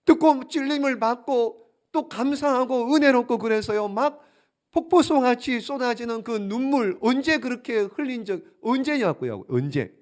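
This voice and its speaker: A man's voice: extremely high pitch, lively intonation, moderate pace, a little mellow. A male pastor preaching a sermon in a church sanctuary, asking the congregation one rhetorical question after another in a fervent, pleading way. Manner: emphatic, grows more fervent and pleading.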